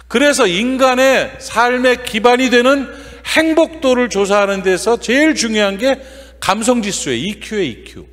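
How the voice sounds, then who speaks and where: A man preaching a revival sermon as guest pastor in a church, folksy and lively, throwing quick questions at the congregation. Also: high voice, in a large hall. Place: church sanctuary.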